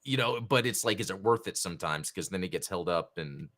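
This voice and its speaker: A low-pitched, slightly bright male podcast host talks fairly quickly with lively intonation. On his casual live-stream chat show he wanders through his thoughts in a chatty way, reading out names from the chat to greet viewers.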